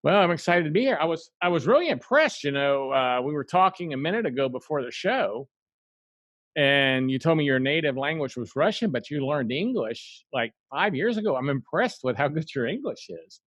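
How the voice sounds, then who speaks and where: A man from South Carolina hosting a podcast, talking in an animated, rambling way full of asides. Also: a little high, normal speed, dry recording, muffled recording. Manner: animated and rambling, lots of "you know" asides. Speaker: podcast host. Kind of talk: casual interview chat.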